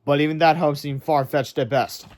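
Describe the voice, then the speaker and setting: Heard through heavy noise on an amateur recording, a man reads aloud from a children's chapter book, pausing for asides and sometimes stumbling on words. His voice sits on the high side with a darkish tone, fairly even intonation, and a moderate pace.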